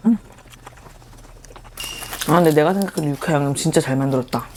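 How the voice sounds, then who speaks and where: A woman's voice: deep voice, rapid-fire, a little hiss or hum. A woman chats casually to viewers as a mukbang vlogger, with playful, self-mocking asides. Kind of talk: casual chat to viewers while eating. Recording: background music under the voice. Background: music.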